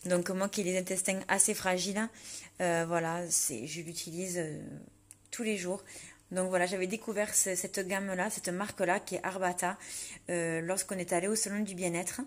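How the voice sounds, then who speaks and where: A woman chatting casually to camera about her day, relaxed and full of fillers. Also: fairly low pitch, normal speed. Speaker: vlogger preparing for a fitness competition. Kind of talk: casual vlog narration.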